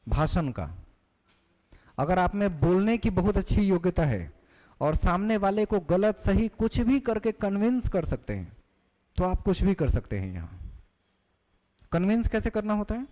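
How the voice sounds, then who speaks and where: A man's voice: sits high, big pitch swings, a little slow, long pauses, warm tone. A male teacher giving a classroom lecture, explaining terms and putting questions to the class. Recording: long hall reverb.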